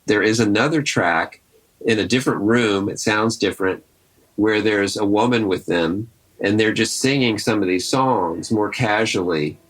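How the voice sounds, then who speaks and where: A man hosting a podcast, telling the story behind old recordings in a relaxed, conversational and enthusiastic way. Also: on the low side, normal speed, poor audio. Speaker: podcast host. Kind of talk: casual storytelling commentary.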